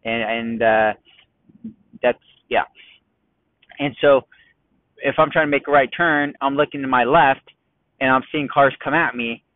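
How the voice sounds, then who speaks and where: A man hosting a casual solo podcast from his car in traffic, chatty and quickly worked up, firing off rhetorical questions. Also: medium pitch, steady tone, no echo. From United States. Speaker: podcast host. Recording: tinny phone-like dry sound.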